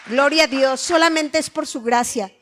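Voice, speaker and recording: A woman's voice: high voice, normal speed, a bit bright, some chatter behind, a little hiss or hum. A middle-aged woman giving an earnest, heartfelt personal testimony at a church meeting.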